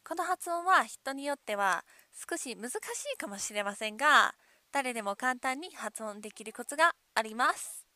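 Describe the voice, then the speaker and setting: Bright-voiced woman teaching pronunciation. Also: on the high side, lively intonation, no room sound. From California. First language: English. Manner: patient, demonstrates phrases slowly. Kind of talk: explaining pronunciation in Japanese.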